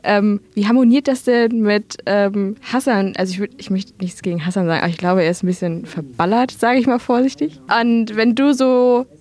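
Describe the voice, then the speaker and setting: A woman's voice: mid-range voice, fairly even intonation, fairly quick, hardly any pauses, a little mellow. A woman hosting a casual interview, asking curious, teasing questions and laughing into them. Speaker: host interviewer.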